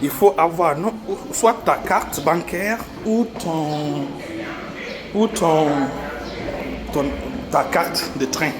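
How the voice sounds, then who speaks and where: A man vlogging as he walks through the city and into the subway, explaining things slowly with many pauses and fillers. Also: on the high side, a crowd in the background. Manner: slow, repetitive, halting explanation with many fillers. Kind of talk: casual walking vlog. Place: outdoors on a city street, then down into a subway station. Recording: street and subway noise behind the voice. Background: city traffic and subway noise.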